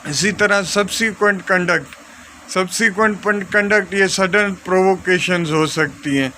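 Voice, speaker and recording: In a low-quality recording with some hiss or hum, a high-pitched, sharp-toned man with a Pakistani accent delivers a casual law lesson. He illustrates points with examples, code-switches between Urdu and English legal terms, and reads out clauses deliberately.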